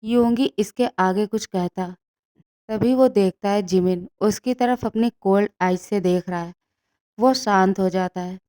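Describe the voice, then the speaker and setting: A woman narrating a fan fiction story in a steady storytelling manner. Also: medium pitch, measured pace, smooth.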